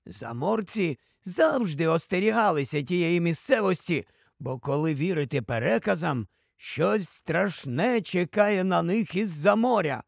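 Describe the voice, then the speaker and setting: A man voicing a learned old male scholar who explains things in a calm, measured way, in an audiobook. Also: sits high, vocal fry, no echo, clean studio sound, exaggerated voice.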